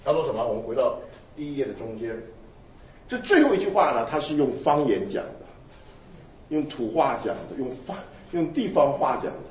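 A man preaching a sermon, animated, asking his listeners questions and answering them himself. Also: medium pitch, fairly quick, a little hiss or hum. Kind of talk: sermon teaching. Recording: roomy, dull lo-fi recording.

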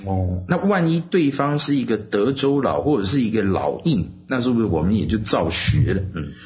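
A playful, joking man co-hosting a talk show and filling the air with interjections. His pitch is mid-range but moves in a lively way. The sound is dull and lo-fi. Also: normal speed. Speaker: co-host. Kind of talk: casual radio talk.

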